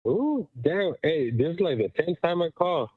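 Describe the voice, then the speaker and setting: A man calls into a show on his phone while power walking, rambling emphatically and using lots of fillers in a casual chat. His fairly high, slightly rough voice swings widely in pitch at a measured pace. The dry, tinny phone line sounds muffled, as though heard through a wall, with no echo.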